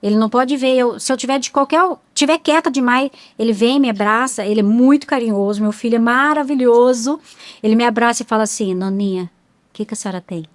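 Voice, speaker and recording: A woman guest on a podcast, soft-spoken and gentle, telling her own story in conversation. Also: a little high, fast. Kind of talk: personal testimony in conversation.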